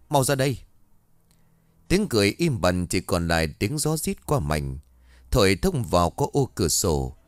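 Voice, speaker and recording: A man with a low voice reading a ghost story aloud, his intonation rising and falling vividly. The sound is dry and close, with no room echo.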